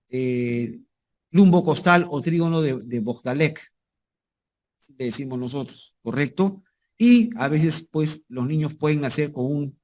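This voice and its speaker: A man's voice: fairly high pitch, darkish tone. A male anatomy lecturer talks his class through slides in a slightly raised register. He repeats each key term and keeps asking whether his students follow. Now and then he throws in a jokey aside.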